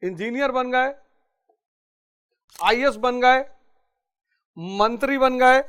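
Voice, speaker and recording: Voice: sits high, slow pace, a bit bright, clean tone. A spiritual teacher giving a motivational talk, urging listeners on and repeating key phrases.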